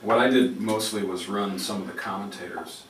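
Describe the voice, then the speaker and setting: A man working as a public radio host, interviewing conversationally in halting, rambling phrases. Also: sits low, a bit bright. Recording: roomy, distant, noisy radio interview.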